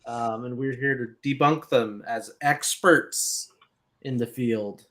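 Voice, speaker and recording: A man hosts a casual livestream chat with a dry, self-mocking delivery. He sits in the middle of the male pitch range and keeps his energy low-key while speaking over a video call. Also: takes it slowly, fairly bright tone. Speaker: livestream host.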